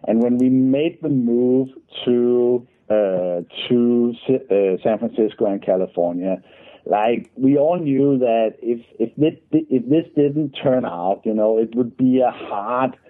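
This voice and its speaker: A man's voice: medium pitch, slow pace. A man in his forties from Denmark, speaking English with a Danish accent, a guest in a casual interview who repeats "and" a lot. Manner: many repeated "and"s, restarts. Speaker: guest, company founder. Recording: tinny phone line.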